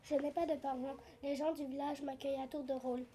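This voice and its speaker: A woman voicing a curious, bookish little orphan girl in a storybook reading, speaking slowly and earnestly. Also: high voice, flat delivery, warm tone, a little hiss or hum, close to an everyday voice.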